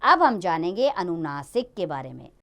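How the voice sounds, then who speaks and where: A woman teaching a Hindi grammar lesson to young children in a lively, sing-song way. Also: on the low side, normal speed.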